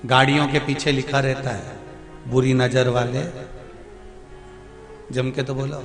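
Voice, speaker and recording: A man's voice: mid-range voice, level tone, measured pace. A man preaching a devotional sermon at a live event, pleading and emphatic, full of rhetorical repetition. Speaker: katha preacher. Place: large hall, live event. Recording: echoey hall with music behind.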